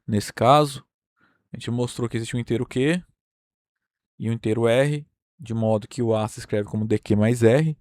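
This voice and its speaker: A Brazilian man lectures through a number theory proof at an unhurried pace, pausing often to check that his listeners follow. His voice sits at an ordinary middle pitch, recorded dry and close with little room sound. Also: a little mellow, dry recording. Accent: Brazilian Portuguese. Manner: explains step by step, checking in with "tá?" and "né?". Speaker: university math lecturer.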